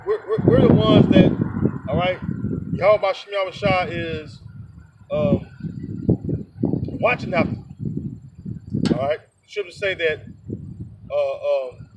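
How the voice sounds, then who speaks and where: A man preaches on the street in a high, lively voice that leaps up and down. He is blunt and rough-spoken, full of fillers. The mic sits far off and loud traffic noise covers the recording. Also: slow, pauses often, lo-fi sound.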